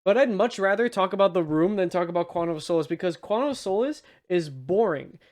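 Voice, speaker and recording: A man's voice: high-pitched, lively intonation, fairly quick, darkish tone. A tipsy man hosting a podcast, chatting casually and emphatically about movies with some swearing. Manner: tipsy, from drinking on the show. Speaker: podcast host. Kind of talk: casual movie review banter.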